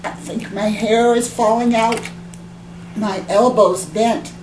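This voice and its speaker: A woman's voice: a little high, steady tone, slow pace. A woman voicing a little girl who dramatically lists made-up illnesses in a whining voice. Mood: whiny. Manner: dramatic complaining, sometimes near whisper. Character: whiny little girl faking sickness. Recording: echoey room with background hum.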